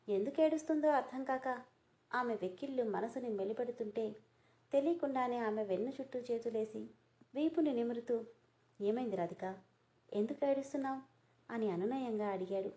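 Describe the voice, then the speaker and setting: A woman reads a story aloud and speaks every character's lines in her own voice. Her pitch sits slightly high, but her tone is dark and mellow.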